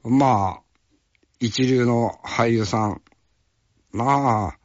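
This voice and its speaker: An actor from Fukuoka looks back on a film shoot, telling the story casually and without hurry in a rough, folksy manner, tacking on little tag questions as he goes. His pitch is medium, and the recording is dry and slightly muffled with no echo.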